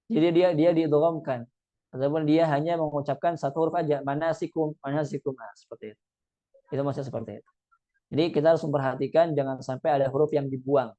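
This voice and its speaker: Male recitation teacher, a touch high-pitched, dark mellow tone, casual explainer who stretches out demonstration words. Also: dull audio. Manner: conversational with frequent "ya" and "nah" fillers. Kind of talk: explanatory lesson, reading Arabic text then explaining.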